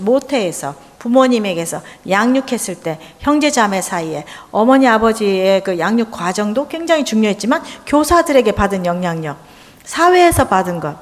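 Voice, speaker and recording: A woman from Korea preaching a lively sermon in a church, acting out little dialogues and bantering with the congregation. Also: fairly high pitch. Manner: animated, acts out dialogue, chats with audience. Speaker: missionary seminar speaker. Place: church sanctuary. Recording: church hall with long reverb.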